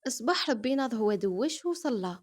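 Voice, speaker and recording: Young Algerian woman narrator, quick lively first-person storytelling, slightly high voice. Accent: Algerian Arabic. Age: young adult.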